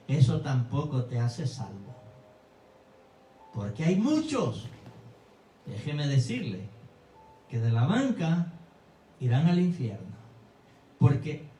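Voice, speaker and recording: Pastor guy preaching loud n lively, darkish voice, roomy church sound from off mic. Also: recorded from a distance, slight background noise. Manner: emphatic preaching with sudden pitch swings. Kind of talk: sermon. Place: church sanctuary.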